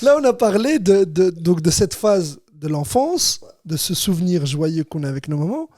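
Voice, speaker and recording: The speaker is a very animated man in his thirties with a Rifian Moroccan accent who hosts a laid-back storytelling podcast in a small, warm studio. His voice sits high and dark in tone at a moderate pace, and he laughs easily, frequently saying "tu vois" ("you see"). There is no room sound.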